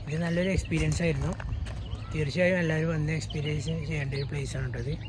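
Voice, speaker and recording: Out in the open, this travel vlogger talks in a casual way, sprinkling English into Malayalam with a Malayali accent. His voice is on the high side, steady in tone and quick-paced, against a noisy backdrop of animals and vehicles.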